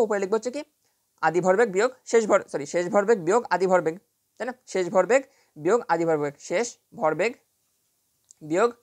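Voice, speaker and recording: A woman teaching a physics lesson in a casual way, repeating each step and checking often that students follow. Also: on the low side. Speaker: physics tutor. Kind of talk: online lecture working through a problem.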